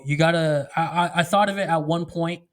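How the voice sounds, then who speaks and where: A man's voice: on the high side, fairly even intonation, a little fast. A man talking as a podcast guest, telling his story in a candid, casual way with many fillers and restarts. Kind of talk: candid conversational interview.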